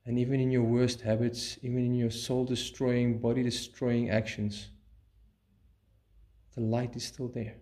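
Calm and soothing, a man of medium pitch talks listeners through a meditation. He speaks in short, measured phrases with pauses in between.

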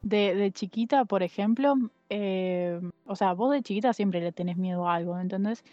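A woman's voice: mid-range voice, moderate pace, dark tone, no room sound. A young woman co-hosting a casual podcast chat, talking hesitantly with many fillers and restarts. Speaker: podcast co-host. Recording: dull muffled sound with faint music.

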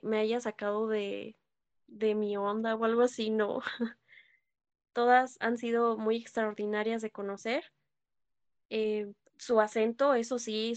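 A woman's voice: a little high, smooth, highs cut off. A young woman, a guest in a casual chat, hesitant and earnest with many fillers. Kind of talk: casual conversation.

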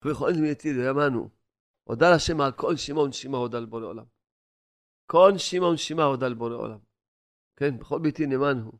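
A man preaching a sermon, telling stories and swinging between loud urging and hushed asides. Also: medium pitch.

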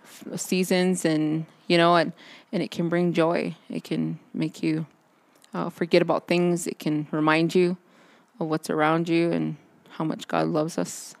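Soft-spoken woman chatting about faith. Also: deep voice, flat delivery, dry recording. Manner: halting, many restarts and fillers. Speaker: podcast co-host. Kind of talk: casual faith chat. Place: outdoors under a backyard overhang by a fire pit.

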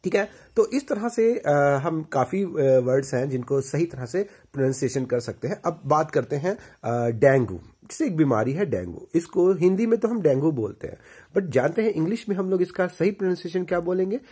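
A man's voice: on the high side, animated, moderate pace, mellow, slightly rough. A man teaching pronunciation, saying each word and then asking the listener to repeat it back. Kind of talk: spoken lesson.

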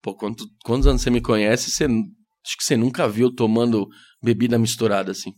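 A man's voice: medium pitch, steady tone, fast talker, darkish tone. A Brazilian man, a comedian, chatting casually and telling anecdotes, calling himself shy and acting out the people he quotes. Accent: Brazilian Portuguese. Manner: shy, self-deprecating storyteller who acts out quoted voices. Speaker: comedian guest. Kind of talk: casual podcast chat.

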